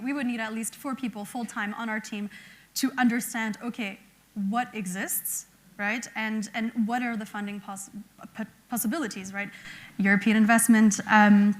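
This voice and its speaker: A woman representing an electrolyzer maker on a panel, speaking earnestly and often adding "right?". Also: on the high side. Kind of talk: panel discussion.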